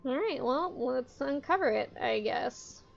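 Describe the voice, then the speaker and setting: A woman's voice: high voice, expressive, measured pace, gravelly, dull audio, slight background noise. A woman streamer giving casual gameplay commentary, chatty and joking, reading game text aloud.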